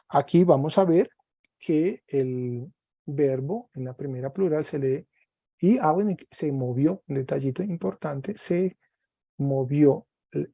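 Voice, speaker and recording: A man teaching Greek in an online class, speaking slowly and patiently, repeating words for students over a video call. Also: fairly high pitch, gravelly, dark tone, no echo.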